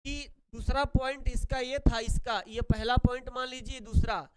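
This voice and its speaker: A man's voice: extremely high pitch, level tone, normal speed, a little hiss or hum. A man teaching Sanskrit grammar in a classroom-style lesson, who asks and answers his own questions and repeats key words. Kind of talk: classroom lesson explaining rules.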